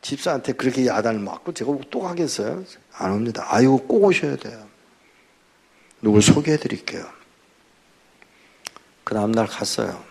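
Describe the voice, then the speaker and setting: An older male pastor giving a testimony sermon, telling his story in an animated way and acting out the dialogue. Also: medium pitch, normal speed, vocal fry, long pauses, slightly rough.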